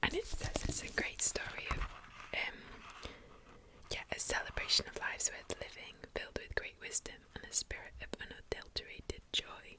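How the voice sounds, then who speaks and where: A woman whispering softly into a close mic, chatting about books in a gentle, unhurried way. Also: rough recording. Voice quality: soft whisper. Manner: slow, gentle, chatty with tapping sounds. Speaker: booktuber. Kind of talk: whispered ASMR book chat.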